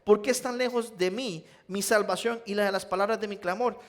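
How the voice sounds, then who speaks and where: A high-voiced male pastor with a Nicaraguan accent delivers a sermon. He tells stories and speaks straight to his listeners, moving between loud appeals and hushed, slower passages. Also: steady tone. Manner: storytelling, addresses listeners as "usted", shifts between loud and hushed.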